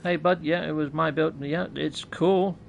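His voice is a little high with vocal fry, fairly even in intonation and a little slow, with slight background noise. He's a British man in his thirties live-streaming a game, chatting with viewers and making fun of himself. He talks into a USB mic on top of his laptop, in a small room at home.

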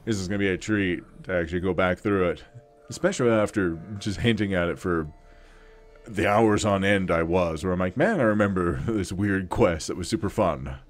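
A man's voice: low voice, normal speed, faint music behind. A young man casually commenting on a video game as he plays, chatty and rambling, laughing and swearing often. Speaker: let's play host.

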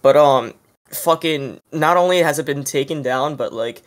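A man's voice: on the high side, normal speed. A man co-hosting a casual group podcast, swearing a lot and explaining online drama at length. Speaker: podcast co-host.

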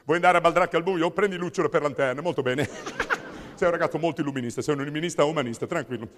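A comedian voices a fussy male examiner in a live stage comedy, a slightly high voice patters out puns and repeats every line. The long theatre reverb hangs around each phrase, and audience laughter breaks in. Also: background noise, close to an everyday voice. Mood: jokey reassuring. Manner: rapid wordplay patter, repeating himself. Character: fussy male examiner testing a young man.

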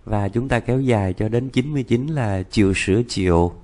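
A man teaching a self-study language lesson, counting slowly and repeating each word with deliberate care. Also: fairly low pitch, a little mellow. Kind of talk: slow instructional lesson.

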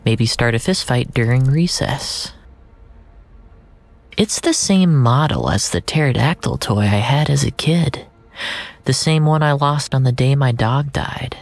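This mid-range narrator brings lively intonation to a surreal, scripted audio drama. The pacing stays measured and dramatic, and the voice often sinks to a breathy near-whisper.

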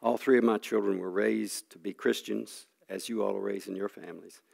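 An older man giving an earnest sermon testimony, telling a personal story with halting restarts and frequent throat clearing. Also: on the low side, steady tone, darkish tone. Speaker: preacher.

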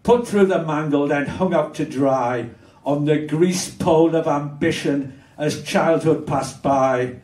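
An older man with a Hull accent performing spoken word poetry on stage, measured and wry with bursts of anger. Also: on the high side, darkish tone, far from the mic. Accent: Hull, Yorkshire. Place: small dark performance venue. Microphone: stage mic on stand, filmed from far. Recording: roomy venue sound from afar.

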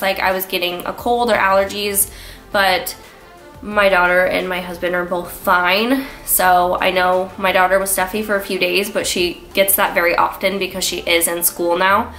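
A young woman vlogs casually to a tripod camera framed from the waist up, in a small indoor room, her voice stuffy and congested. She is chatty and says "like" constantly. Her medium-pitched, fairly bright voice stays steady at a moderate pace over soft background music.

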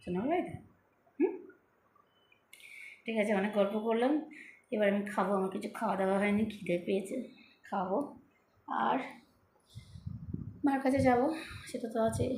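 A middle-aged woman vlogging at home into her phone. She speaks with a soft, slightly lisping, childlike manner and takes her time over words to say them clearly. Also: mid-range voice, normal speed, pauses often, reverberant, a little hiss or hum. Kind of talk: casual chat to viewers. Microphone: phone camera.

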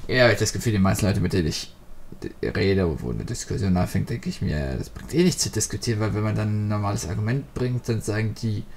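A man hosts a Let's Play and rambles through jokey commentary as he plays. His voice sits low and gravelly. He talks slowly, with a lot of swing in his pitch. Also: expressive, a little mellow. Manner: rambling, jokey free association. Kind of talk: joking gameplay commentary.

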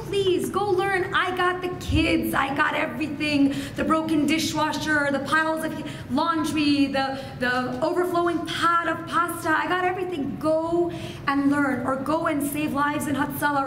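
In an echoey hotel function room with noise in the background, a woman in her thirties delivers an expressive, gesturing keynote to women through a podium microphone on a stand. She speaks in a high voice. Farsi is her first language, and her family is Persian.

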